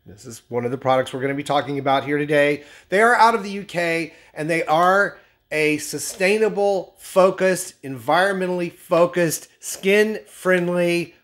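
Seated facing the camera at medium framing in his home kitchen, a skincare channel host in his thirties reviews products and speaks directly to viewers. He's upbeat and enthusiastic, his slightly high voice nasal and scratchy from a recent cold.

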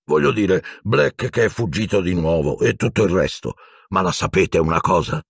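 A man voicing a huge, warm-hearted gamekeeper with homely, plain speech. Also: sits low, moderate pace, creaky, slightly rough, no echo, clean studio sound, heavily acted. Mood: cheerful, confiding.

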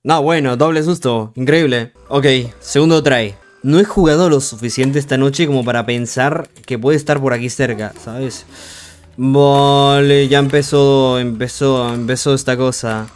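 A young man giving frantic live commentary on a horror game, urging himself on with rapid repeated words and joking with the game's characters. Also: medium pitch, steady tone, smooth. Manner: jokey, talks to the game's characters. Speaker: gaming streamer.

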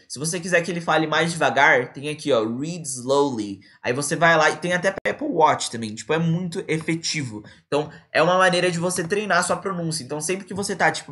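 A young man teaches English live online, chatting casually in slang and dropping into English examples. His voice sits a little high and sounds bright and clear. He talks into a computer mic on a livestream.

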